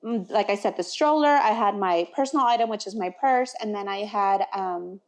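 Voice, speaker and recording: A woman's voice: mid-range voice, normal speed. A young mother co-hosting a podcast, telling stories animatedly with laughs and acted-out exchanges. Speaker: podcast co-host. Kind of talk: casual chat.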